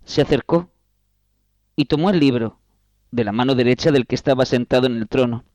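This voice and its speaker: A man preaching a sermon as a priest, reading scripture aloud with slow, solemn, repetitive phrasing. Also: mid-range voice, a little mellow, no room sound.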